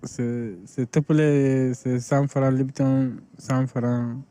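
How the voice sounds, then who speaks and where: A man's voice: mid-range voice, little pitch movement, slow, mellow, clear, resonant tone, no room sound. A man selling coffee on the street, answering tersely and hesitantly. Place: outdoors on a city street.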